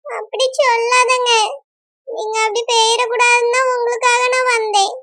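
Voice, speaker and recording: A woman's voice: very high-pitched, flat delivery, moderate pace, sharp tone, no room sound, clean studio sound. A woman playing an anxious young runaway bride with a Kanyakumari Tamil accent, pleading and scolding in a rush. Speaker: village drama actor. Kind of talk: amateur village drama.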